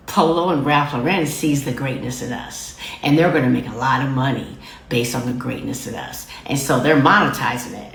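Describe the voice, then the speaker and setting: An extremely low-pitched woman speaks in an echoey room, hosting her own show with direct-to-camera commentary. Firm but loving, she lectures viewers as babies and fam, repeating phrases to stress her points.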